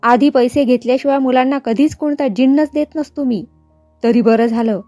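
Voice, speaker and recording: A woman's voice: high voice, moderate pace, mellow, dry recording, soft background music, lightly acted. A woman voicing an irritable, miserly middle-aged male shopkeeper who blusters, scolds and fawns. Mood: indignant. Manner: blustering, scolding, then fawning.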